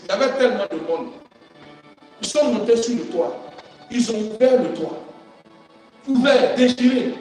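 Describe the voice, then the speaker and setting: A man preaching a sermon, fervent and swinging between shouting and quiet, calling to the congregation for responses. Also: sits high. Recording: echoey hall from far off, music.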